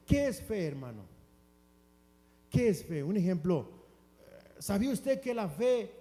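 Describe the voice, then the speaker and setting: A man preaching a fervent church sermon, calling listeners brothers and building up to shouts. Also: sits high. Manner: impassioned, rising to shouts, addresses listeners as brothers. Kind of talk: Pentecostal sermon. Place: church sanctuary. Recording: long church hall reverb.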